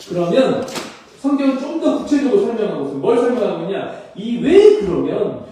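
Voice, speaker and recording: A high-voiced, lively male pastor preaches in a chatty, animated way, putting questions to his congregation and acting out exchanges. His tone is mellow. The sound is heavily echoey, picked up from some distance in a church hall. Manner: animated, questions listeners, acts out dialogue. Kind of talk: conversational sermon.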